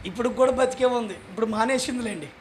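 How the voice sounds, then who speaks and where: Male pastor, very high voice, sermon with sudden shouts, faint noise behind. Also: fast talker. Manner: preaching with sudden shouted calls for hallelujah; conversational, acts out little dialogues.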